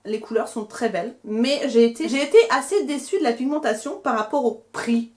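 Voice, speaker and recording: A woman's voice: on the high side, fairly quick, a little mellow. A young woman chatting casually through a beauty haul, talking with lots of fillers and restarts as she shows and reviews products. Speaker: beauty vlogger.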